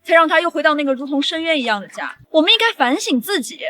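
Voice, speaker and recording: A woman's voice: high-pitched, lively intonation, fast talker, pushed and bright, no echo. An actress playing a principled young female lawyer who speaks firmly and earnestly. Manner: firm, earnest. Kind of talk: short drama acting.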